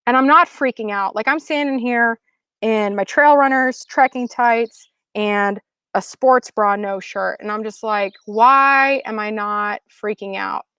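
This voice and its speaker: A woman in her thirties giving a casual storytelling talk, animated and full of "like", acting out quotes with sudden high bursts. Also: unhurried, clear, resonant tone, no room sound. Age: 30s. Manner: casual, lots of "like". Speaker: speaker.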